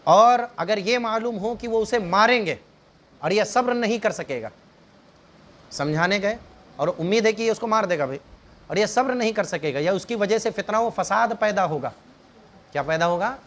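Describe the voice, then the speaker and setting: High-voiced guy giving a religious class, explains things step by step, keeps asking "you get it?". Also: a bit bright. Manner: explanatory, asks the audience rhetorical questions; acts out scolding and advice in quoted voices. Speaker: religious teacher. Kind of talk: Islamic religious lesson.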